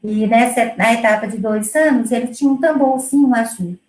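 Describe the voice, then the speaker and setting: Brief: middle-aged woman music educator, high voice, chatty and explanatory, echoey room. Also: moderate pace, darkish tone. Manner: explanatory, with many fillers and restarts. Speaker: music educator presenting her work. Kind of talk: conversational presentation.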